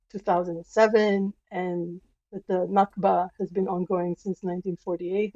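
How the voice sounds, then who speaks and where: Woman guest on a podcast, flat steady voice, kinda muffled dry sound. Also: on the low side, no room sound. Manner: earnest, measured, emphatic. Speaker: guest, historian professor. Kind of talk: podcast interview answer.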